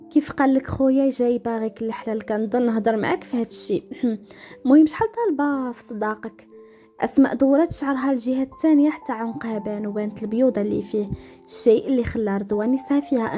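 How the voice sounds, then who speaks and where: A woman's voice: a little high, mellow. A woman with a Moroccan accent narrating a dramatic story and voicing the characters' quoted lines.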